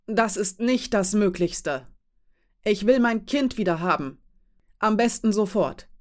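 A woman reading an audiobook voices a desperate, furious mother who shouts and pleads in a high, strained voice. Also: expressive, moderate pace, natural voice. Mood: desperate, shouting. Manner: shouting, wavering between demand and pleading. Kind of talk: audiobook character voice.

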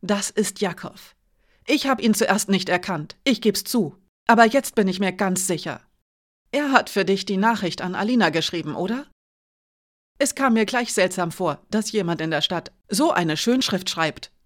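A woman's voice: mid-range voice, lively intonation, moderate pace, close to an everyday voice. A woman voicing an angry young man who talks in a heated, accusing way in an audiobook.

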